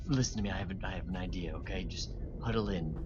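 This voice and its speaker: A man's voice: sits low, quick pace, background noise. A man playing in a tabletop role-playing game over voice chat, theatrical as he rallies the group in character. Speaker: player. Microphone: home computer mic on a voice call. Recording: lo-fi online voice chat.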